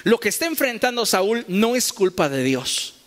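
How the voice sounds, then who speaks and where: A male preacher with a fairly high voice delivers an emphatic sermon. He keeps asking his listeners pointed questions and acts out both sides of imagined conversations. His voice rings through a church hall with a long reverb. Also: big pitch swings, moderate pace, fairly bright tone. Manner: emphatic preaching, rhetorical questions, acted-out dialogue.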